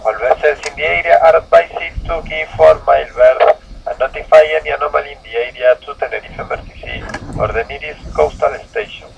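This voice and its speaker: A man's voice: on the high side, fairly quick, creaky. A man working as a coast radio operator, formally reading out maritime safety warnings over marine radio. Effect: marine VHF radio. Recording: dull, noisy marine radio transmission.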